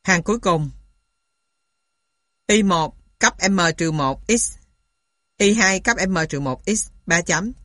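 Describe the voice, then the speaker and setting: A woman's voice: on the low side, animated, slow, pauses often, a bit bright, no room sound, studio quality. A woman reading scripted lesson material aloud in a methodical way, carefully spelling out each element like a lecturer. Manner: methodical, spells out symbols and punctuation.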